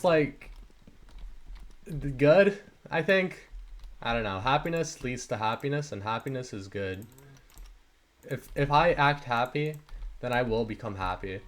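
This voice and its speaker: A teenage boy rambling through self-deprecating commentary while playing a game, trailing off into mumbled asides and restarts. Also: mid-range voice. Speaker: gaming channel host. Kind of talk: rambling Minecraft let's-play commentary.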